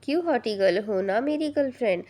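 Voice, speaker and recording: A woman's voice: on the high side, animated, fairly quick, dark tone. A woman voicing a cheeky little boy in an audio novel, teasing and sulky by turns, in a voice close to her own. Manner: chirpy, teasing.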